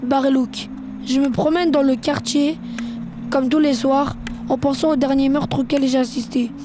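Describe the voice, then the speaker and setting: A woman voicing a grieving older man who stays calm through fear, in a slow first-person dramatic reading. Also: high-pitched, background noise. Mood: somber. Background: background music.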